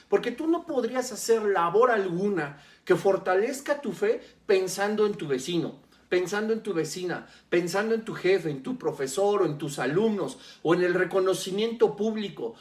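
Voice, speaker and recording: A man preaching a sermon as a pastor, teaching earnestly and speaking straight to the listener. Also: high voice. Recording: roomy echo.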